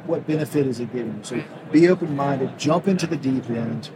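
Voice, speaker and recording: A man's voice: mid-range voice, fairly quick. A man, an orthodontist, speaking earnestly in an interview and explaining his ideas through everyday analogies, recorded on an exhibit hall floor. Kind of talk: conversational interview. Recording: noisy trade show hall.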